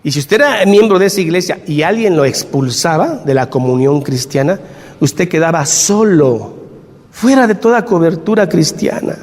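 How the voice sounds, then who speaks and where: A man preaching a sermon, animated, shifting between loud emphasis and quiet asides. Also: fairly high pitch, moderate pace, in a large hall. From Mexico.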